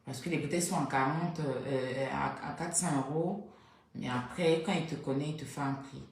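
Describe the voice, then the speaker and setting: Low-voiced woman telling a story in a very echoey room. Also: normal speed. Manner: animated, acts out what others said, pitch jumps up when excited; keeps voice soft, says she cannot speak loudly. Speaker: storyteller recounting a night out. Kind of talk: casual spoken storytelling.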